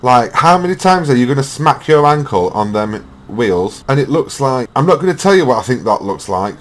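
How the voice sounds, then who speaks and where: A man's voice: mid-range voice, very animated, moderate pace. A man hosting a reaction video, mocking and swearing as he rants. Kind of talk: ranting reaction commentary.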